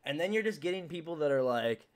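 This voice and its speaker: A man's voice: a little high, lively intonation, fast talker. A man, a former reality show contestant, co-hosting a casual, profane chat about reality TV, laughing often and mocking people with put-on voices. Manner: laughing, swearing, mocking impressions.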